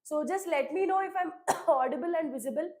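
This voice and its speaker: A woman teaching chemistry in a live online class, speaking, hoarse and coughing from a sore throat, chatty and checking in with students often. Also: sits high, expressive, very slow, darkish tone. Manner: chatty, keeps checking in with "okay?". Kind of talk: live online class, Telugu-English mix.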